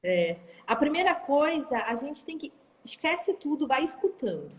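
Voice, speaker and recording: A woman, a guest in a live-stream interview, talking in an animated way and acting out sales calls. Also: high-pitched, unhurried, long reverb tail. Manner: animated, acts out phone calls and sales talk. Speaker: entrepreneur guest. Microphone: phone or video call.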